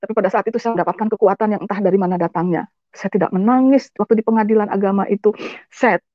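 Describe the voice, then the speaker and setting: Woman telling her story, fast and emotional, lo-fi dull audio. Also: mid-range voice, dry recording. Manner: emotional, often addresses the audience as ladies and gentlemen. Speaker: testimony speaker. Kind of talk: personal testimony to an audience.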